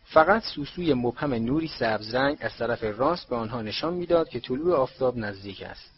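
A man narrating a storybook at a measured pace, his voice at a middle pitch for a man. The recording is dull and lo-fi, with a faint hiss underneath. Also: lively intonation. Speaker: audiobook narrator.

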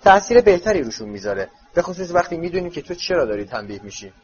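A man's voice: on the high side, big pitch swings, muffled recording, pitched above the performer's own voice. A man voicing a kind, encouraging middle-aged wizard father in a storybook reading. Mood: explaining.

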